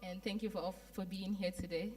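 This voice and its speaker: A young woman from Ghana speaking as a student panelist in a measured, thoughtful way. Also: medium pitch, little pitch movement, noisy background. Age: young adult. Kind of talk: panel discussion.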